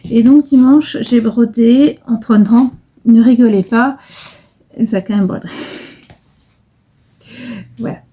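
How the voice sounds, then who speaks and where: Soft-toned rambling woman vlogger. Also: on the high side, fairly even intonation, measured pace, slightly rough. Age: middle-aged. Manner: rambling, hesitant, many fillers and restarts. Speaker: embroidery vlogger. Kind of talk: casual vlog chat.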